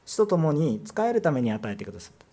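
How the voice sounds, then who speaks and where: A man's voice: fairly high pitch, big pitch swings, quick pace, dark tone. A male pastor delivering a sermon, earnest and emphatic, full of rhetorical questions and rising stresses.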